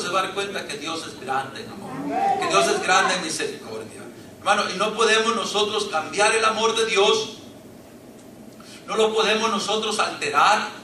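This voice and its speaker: A male preacher delivers an impassioned sermon with a very high, sharp, ringing voice. He is recorded from some distance, and the church room adds a roomy echo with faint noise behind him. He keeps calling out to his listeners as he preaches. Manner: impassioned preaching, often addressing the congregation as brother. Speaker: pastor. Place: church hall. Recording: echoey church, mic at a distance.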